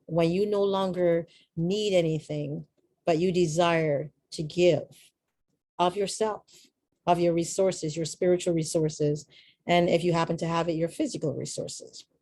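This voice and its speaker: Earnest woman, low mellow voice. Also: no room sound. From Barbados. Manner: earnest, reflective, chatty with frequent asides. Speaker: motivational speaker. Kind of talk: inspirational talk.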